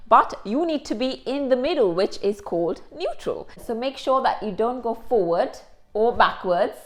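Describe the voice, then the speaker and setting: A woman hosting a lesson and explaining things clearly, with the odd aside in Hindi. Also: on the high side. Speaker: host. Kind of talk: instructional presentation.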